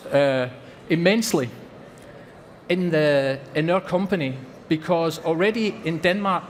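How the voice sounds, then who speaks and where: A Scottish company presenter gives an earnest talk at a trade fair in a large exhibition hall, repeating words for emphasis. His voice sits on the high side, with a long reverb tail and a little hiss or hum in the audio.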